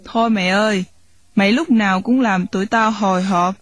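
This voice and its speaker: A woman reading a novel aloud in a steady storytelling voice. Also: medium pitch, normal speed, slightly rough, no echo. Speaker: audiobook narrator.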